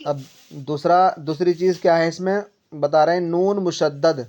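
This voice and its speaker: A woman's voice: sits low, fairly even intonation, warm tone. Patient woman teacher, lo-fi recording. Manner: patient, repetitive explaining with questions; stretches out syllables to demonstrate. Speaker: Quran reading teacher. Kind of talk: one-on-one tajweed lesson. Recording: dull lo-fi recording.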